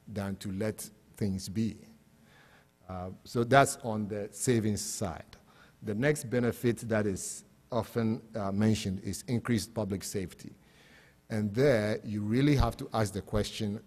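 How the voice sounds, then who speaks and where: A Ghanaian man with a Ghanaian accent gives a panel presentation as an academic speaker, explaining plainly and posing rhetorical questions. His voice is on the low side and a little mellow. The hall is echoey, with long reverb.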